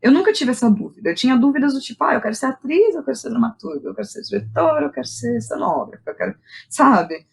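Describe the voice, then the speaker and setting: A high, gravelly voice with a darkish tone belongs to a Brazilian playwright and director speaking as a podcast guest. She talks fast and very animatedly, recounting personal stories casually and candidly with lots of slang and tag questions. There is slight background noise.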